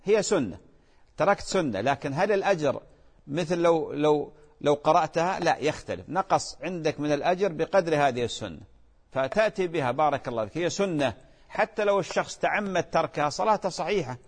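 A man's voice: fairly high pitch, animated, brisk, long reverb tail. A man, a religious scholar patiently answering callers' questions on a call-in show. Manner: patient, reassuring, explanatory.

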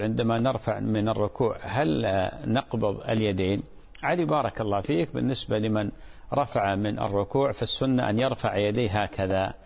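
A man with a gravelly voice, speaking as a sheikh on a call-in show. His explanations are calm and patient, and he often repeats a point to make it clear. His voice trails into a long reverb. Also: on the low side. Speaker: sheikh answering callers' questions. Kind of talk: religious Q&A call-in program.

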